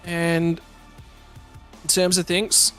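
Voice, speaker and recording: A brisk man calling a sim racing broadcast, his voice sitting a touch high for a man. He rattles through finishing orders and incidents at an energetic lick as the lead commentator. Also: clear, resonant tone, soft background music.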